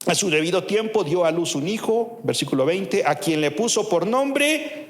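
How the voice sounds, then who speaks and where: A man with a Mexican accent preaching a sermon as pastor, telling a story and moving between lively and hushed delivery. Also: high-pitched, moderate pace, in a large hall. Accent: Mexican Spanish. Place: church.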